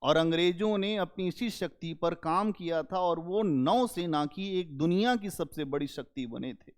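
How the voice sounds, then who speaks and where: A man teaching an exam-prep history lecture, speaking slowly and emphatically, repeating key phrases and asking students rhetorical questions. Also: fairly high pitch.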